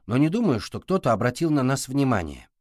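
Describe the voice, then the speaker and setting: Man doing a calm steady boy. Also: mid-range voice, brisk, no room sound, studio quality.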